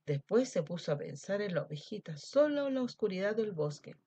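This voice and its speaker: A woman teacher narrating a children's story in a gentle, expressive way, then explaining a craft. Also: medium pitch, brisk, slightly rough.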